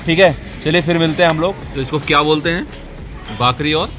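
A man's voice: a little high, a little fast, music in the background. A young man talking casually as a travel vlogger, chatty and enthusiastic as he tours a hill fort outdoors and asks a local questions. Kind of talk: casual on-camera tour commentary.

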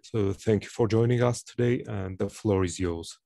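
A man hosts a webinar over a video call with a very deep, gravelly voice. He talks slowly and steadily, and the sound is dark and dry. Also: no echo. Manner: slow, measured introduction. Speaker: webinar moderator. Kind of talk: introducing a speaker. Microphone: webcam on a video call.

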